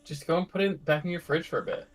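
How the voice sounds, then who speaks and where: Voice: mid-range voice, fast talker. A friend on a stream chatting casually, telling stories and laughing often. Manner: storytelling, animated, laughs often. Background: game music.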